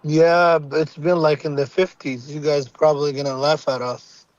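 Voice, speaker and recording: A man's voice: fairly high pitch, little pitch movement, normal speed, no echo. Upbeat Iraqi-born man calling in by phone. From Iraq. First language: Arabic. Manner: upbeat and friendly. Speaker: caller. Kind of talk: casual phone chat. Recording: phone call audio.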